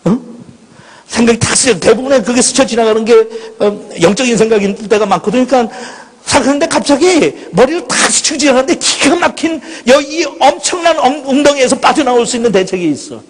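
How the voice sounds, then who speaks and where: A middle-aged man preaches with raw passion, lurching from near-shouts to hushed confessions. His voice is husky and sits high for a man. It rings with long reverb through a large retreat hall. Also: lively intonation, a little fast. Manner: dramatic, swings from shouting to hushed. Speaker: pastor. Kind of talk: impassioned sermon storytelling.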